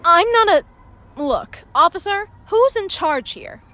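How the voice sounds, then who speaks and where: High-voiced determined student reporter. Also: female voice, animated, slow, fairly bright tone, heavily acted. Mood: insistent. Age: young adult. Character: determined, serious young female journalism student. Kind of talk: video game voice acting.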